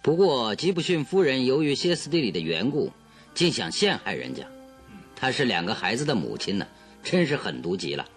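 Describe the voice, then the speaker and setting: A man's voice: medium pitch, sing-song, normal speed, faint music behind, lightly acted. An actor playing Sherlock Holmes, a confident, analytical detective who explains his deductions in a theatrical, expository radio drama style. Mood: reflective. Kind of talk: Chinese radio drama acting.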